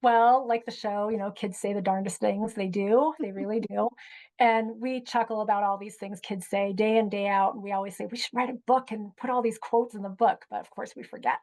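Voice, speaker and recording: A woman educator telling a personal story in a relaxed interview, with frequent ums and you-knows. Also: mid-range voice, brisk, few pauses, low-quality recording. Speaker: guest educator. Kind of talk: conversational storytelling.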